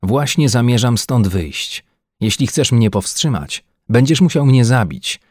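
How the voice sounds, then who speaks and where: A man's voice: fairly low pitch, moderate pace, a little mellow, no room sound, studio quality. A man voicing an agitated, frightened Earthman scientist in a science-fiction audiobook, pleading and near-hysterical. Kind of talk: audiobook character voice.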